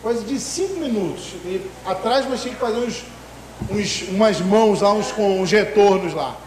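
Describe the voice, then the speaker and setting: A man preaching a sermon in an emotive way, swinging between loud outbursts and hushed asides. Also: high voice, lively intonation, normal speed, reverberant, a crowd in the background, rough recording.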